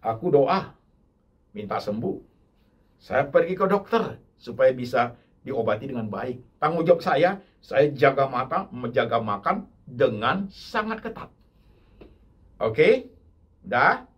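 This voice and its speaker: An older man preaching a sermon as pastor, his voice husky, going from low murmurs to loud emphatic repeated lines and dropping in English words. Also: muffled recording.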